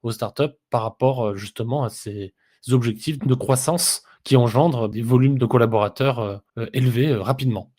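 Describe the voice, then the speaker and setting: A business software consultant co-hosts a casual business podcast in a mid-range, dark-toned voice. He explains things steadily but hesitantly, pausing often with many "heu" fillers.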